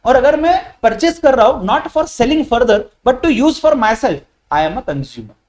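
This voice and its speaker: A man's voice: very high-pitched, lively intonation, takes it slowly, darkish tone. A male lecturer teaching a live online class, quizzing students with rhetorical questions and repeating key points. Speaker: GST lecturer. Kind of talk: live online lecture in Hindi-English mix.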